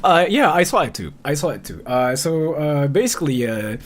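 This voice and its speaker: Here a man in his thirties hosts a casual livestream, chatting and commenting on reactions in a fairly high, sing-song voice. His talk is rambling and halting, dotted with filler, and he frequently corrects himself mid-thought.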